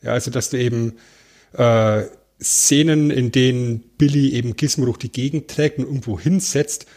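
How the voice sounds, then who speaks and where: A man co-hosting a casual film podcast, explaining things in a joking, measured way. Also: mid-range voice, steady tone, darkish tone. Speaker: podcast co-host.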